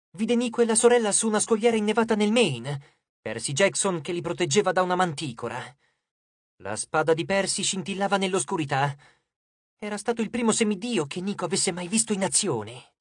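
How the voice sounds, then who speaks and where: Man reading an audiobook, highish voice, steady, super dry close sound. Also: no room sound. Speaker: audiobook narrator. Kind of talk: scripted audiobook narration.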